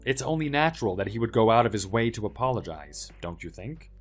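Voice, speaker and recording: An actor playing a polite, helpful young office worker with quiet backbone, speaking in an earnest, measured way in a dramatized story. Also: male voice, fairly low pitch, sing-song, soft background music. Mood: calm, smug.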